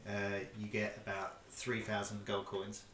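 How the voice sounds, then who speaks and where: A man narrating as game master of a tabletop game, describing rooms and rolls in a relaxed, rambling way. His voice sits at an everyday pitch and is heard from a mic some distance off, with a roomy echo and a faint hiss behind him. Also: a little slow. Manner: loose, conversational describing with fillers.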